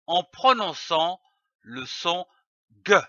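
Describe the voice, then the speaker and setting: A man giving a phonics reading lesson, spelling out letters and syllables one by one in a slow, deliberate way. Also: sits high, sing-song, bright, forceful tone, no echo. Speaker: reading teacher. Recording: dull lo-fi audio.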